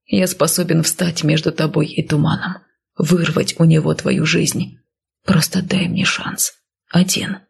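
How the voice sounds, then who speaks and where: A woman voicing a weary, possessive man who gives commands, in a low husky whisper, as whispered role-play. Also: flat delivery, measured pace, full character voice. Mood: tender, possessive.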